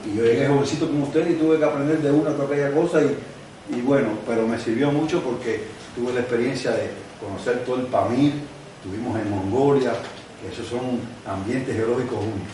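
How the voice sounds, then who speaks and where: A man's voice: medium pitch, a little fast, mellow. Older man lecturing in an echoey room. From Cuba. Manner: conversational, explains with examples and asides. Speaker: guest lecturer. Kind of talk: university lecture. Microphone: no microphone, distant recording. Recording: very echoey room, distant mic, faint noise.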